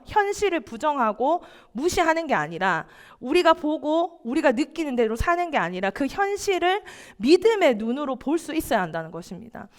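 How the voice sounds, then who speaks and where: A woman's voice: high voice, fairly bright tone. A young woman preaching to a church youth group, often asking the listeners questions and acting out family quotes. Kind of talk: sermon.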